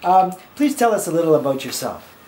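A man's voice: on the high side, sing-song, brisk, darkish tone. Polite male interviewer, echoey room. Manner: polite, brief questions. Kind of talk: interview questions. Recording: echoey room with faint noise.

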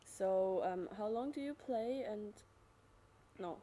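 A woman's voice: mid-range voice, takes it slowly, crowd noise. A woman interviewing a gamer, asking questions hesitantly and rephrasing as she goes.

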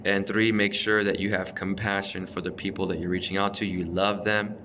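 Earnest low-voiced man exhorting to camera. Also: little pitch movement, a little fast, background noise. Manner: earnest, exhorting, many restarts and fillers. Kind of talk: informal sermon to camera. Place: small bedroom indoors. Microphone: phone or webcam close up.

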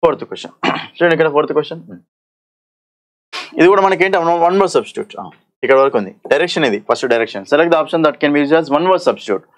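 Lively man teaching exam English. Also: fairly high pitch. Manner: explains in Telugu mixed with English terms, often asks "okay?"; reads English question text slowly and deliberately. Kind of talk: exam-prep lesson.

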